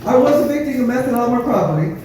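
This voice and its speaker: A man performing live stand-up comedy, telling crude, profane, dark-humored stories in a conversational way straight to the crowd. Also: extremely high pitch, expressive, rapid-fire. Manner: conversational storytelling, addresses the crowd directly. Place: live comedy show with audience, echoey room. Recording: echoey room, distant mic, audience noise.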